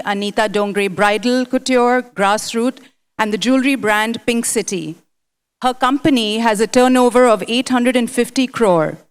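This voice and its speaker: A woman moderating a stage panel, reading a measured, formal introduction and asking questions. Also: fairly high pitch, smooth. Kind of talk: stage interview with scripted introduction.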